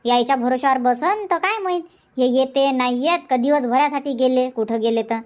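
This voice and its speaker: For a dubbed cartoon comedy, a woman voices Shanta, a nagging village housewife who is chatty and sharp-tongued. Her high voice stays close to everyday speech as she scolds, complains and trades rapid village banter.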